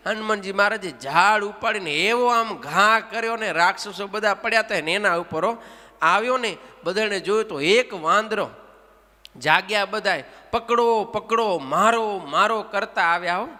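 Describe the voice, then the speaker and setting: A man's voice: sits high, moderate pace, long reverb tail. A man animatedly reciting a devotional story, asking his listeners questions and leading the chanting. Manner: animated, asks the audience questions, leads chanting. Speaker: religious storyteller.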